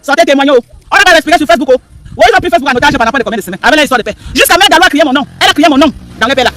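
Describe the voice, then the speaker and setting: Fast, high, bright-voiced man ranting. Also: expressive, slight background noise. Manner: emphatic, repetitive, rhetorical questions to viewers. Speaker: live stream commentator. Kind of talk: animated live stream commentary.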